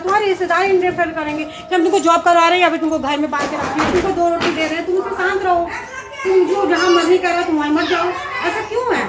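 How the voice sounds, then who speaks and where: A woman's voice: very high-pitched, a little hiss or hum. A young woman in a heated family dispute, insistent and pleading, repeating her points again and again. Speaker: wife in a marital dispute. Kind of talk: heated argument. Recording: echoey room with a crowd around.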